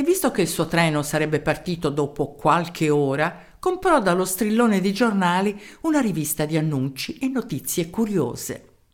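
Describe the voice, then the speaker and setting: A woman reading a children's story aloud in an expressive narrating style. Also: lowish voice.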